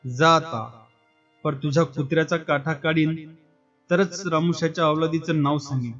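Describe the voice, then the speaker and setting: A man voicing a proud, vengeful village watchman who speaks roughly and with threats, in a dull recording with faint music. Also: on the high side, fairly even intonation, moderate pace, fairly bright tone, lightly acted. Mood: threatening.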